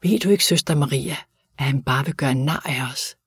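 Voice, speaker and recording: A man voicing a reluctant, agitated male Salvation Army soldier, with a husky voice. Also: medium pitch, fairly bright tone. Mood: indignant. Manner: pleading and indignant.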